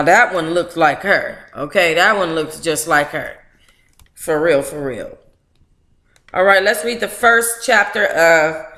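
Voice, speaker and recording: A middle-aged woman with a medium-pitched, slightly bright voice runs a book club livestream. She's chatty and candid, reading aloud and tossing in colloquial asides, recorded in a roomy, echoing space.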